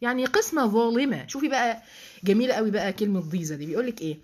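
A woman's voice: fairly high pitch, racing. A woman with an Egyptian accent giving a religious lesson, asking rhetorical questions, checking in with listeners and adding emphatic, affectionate asides. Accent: Egyptian Arabic. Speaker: religious teacher.

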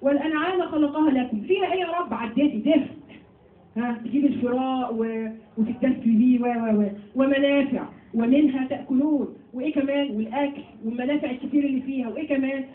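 High fast-talking Egyptian woman teaching. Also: a little hiss or hum. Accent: Egyptian Arabic. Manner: lively teaching with questions to listeners and slow recited verses. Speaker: religious teacher. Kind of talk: Quran lesson for women. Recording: tinny phone-like sound, echoey and far off.

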